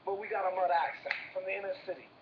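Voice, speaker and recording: An actor playing a vain, cocky brother with money and a Brooklyn accent who hesitates with fillers, in film dialogue. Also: male voice, high voice, steady tone, quick pace, muffled recording, noisy background. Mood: explaining.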